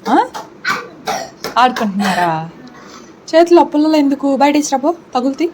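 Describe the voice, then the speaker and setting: A woman's voice: high-pitched, sing-song, moderate pace, darkish tone, a little hiss or hum. A woman talking with her children at home, coaxing and pleading with them. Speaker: mother.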